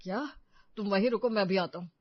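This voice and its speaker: A woman's voice: mid-range voice, a little fast, dry recording, muffled recording, close to an everyday voice. A woman voicing a young married man in a cartoon story, speaking firmly and indignantly. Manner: indignant, firm. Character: young married man, angry protective son.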